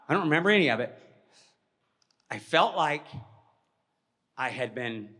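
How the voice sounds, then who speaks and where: A man from Georgia telling a personal story to an audience, animated, often dropping to a hush, with many restarts. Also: mid-range voice. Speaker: speaker at a presentation. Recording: long hall reverb.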